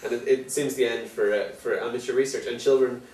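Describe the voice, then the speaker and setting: Male co-host, irreverent deadpan humour; roomy room, distant mic. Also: medium pitch, a little fast. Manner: irreverent, laughing, deadpan dark jokes. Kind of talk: joking tech news chat.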